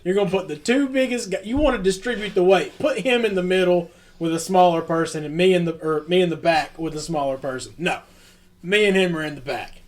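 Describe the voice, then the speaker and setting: A man telling stories in a casual podcast chat, animated and laughing as he acts out quotes. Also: high-pitched, a little fast. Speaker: podcast host.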